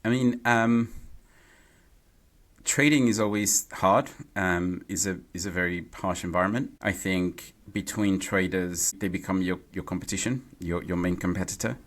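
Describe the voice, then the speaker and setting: A man from Mexico, a guest in a podcast interview, talking in a halting way and repeating words as he thinks. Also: low-pitched, steady tone, fairly bright tone. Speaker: podcast guest, renewable energy CEO. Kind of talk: casual interview conversation. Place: home or office in London.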